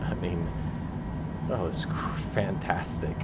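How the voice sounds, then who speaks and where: A man's voice: low voice, fairly even intonation, slow pace. A man with a cold giving casual, informal flight simulator commentary, musing aloud as he plays. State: has a cold. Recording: voice under loud cockpit engine noise. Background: loud aircraft cabin hum.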